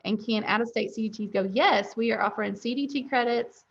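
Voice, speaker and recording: This young dental lab owner, a guest in a webinar interview held over video call, has a creaky, slightly rough voice that's a little high and a little fast. She answers candidly, chats freely, and laughs easily, all through dull lo-fi call audio.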